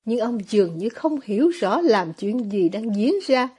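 A woman reads a novel aloud in a steady, scripted storytelling manner. Her voice sits high and has a husky, breathy edge. The delivery stays even and measured as she narrates. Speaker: audiobook narrator.

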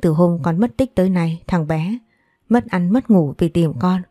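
A woman voicing a worried, loving middle-aged mother in a storybook reading. her voice is low and mellow, soft and plain, in a dry room. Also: normal speed, no echo, lightly acted.

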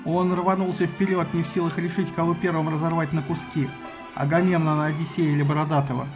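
A man reading an audiobook with lively, ironic storytelling. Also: fairly high pitch, quick pace, over music. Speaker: narrator. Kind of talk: audiobook narration.

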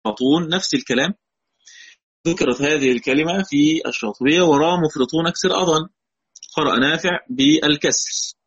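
A man's voice: on the high side, brisk, husky, highs cut off. A man with an Egyptian accent teaching a recorded lesson on Quranic readings, patiently repeating key words and quizzing his students. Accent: Egyptian Arabic.

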